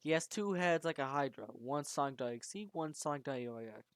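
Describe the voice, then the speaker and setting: A storyteller casually retelling a fan-made horror tale, dramatic and animated, often restarting mid-sentence. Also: mid-range voice, fast, clear, resonant tone, no echo.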